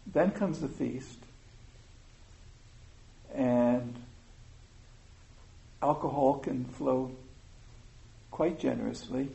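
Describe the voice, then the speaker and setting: A man giving an informal meditation talk, speaking slowly and thoughtfully with many pauses and fillers. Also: medium pitch, creaky, mellow, poor audio. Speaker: meditation teacher.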